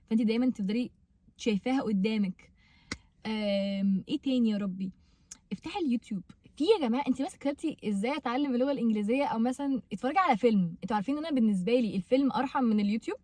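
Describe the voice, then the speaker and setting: A woman's voice: on the high side, racing, mellow, no echo. A young Egyptian woman with an Egyptian accent giving casual study tips to camera, chatty, repeating words to model pronunciation. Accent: Egyptian Arabic. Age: young adult. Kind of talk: casual tutorial chat to camera.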